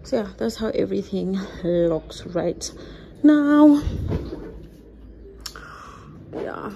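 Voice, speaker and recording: A woman's voice: lowish voice, fairly even intonation, unhurried, vocal fry, mellow, highs cut off, slight background noise. A young woman, chatting casually to the camera at home while doing chores. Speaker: vlogger and mother. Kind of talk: casual home vlog chat.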